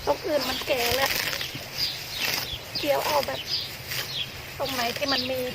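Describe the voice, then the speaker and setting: In a high, flat, unhurried voice, an older woman gives a chatty garden vlog, frequently pointing things out as she goes. The recording is made outdoors in a rural garden with clear background noise.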